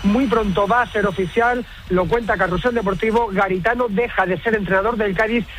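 A man's voice: high-pitched, steady tone, brisk, fairly bright tone, slight background noise. A man with an accent from Spain gives a breaking sports news report on the radio, repeating the key line for emphasis.

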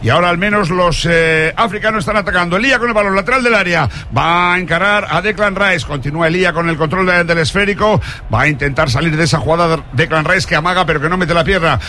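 A man with an accent from Spain giving breakneck, excited football commentary on live radio, stretching out shouted goal calls. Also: high voice, quick pace, slight background noise.

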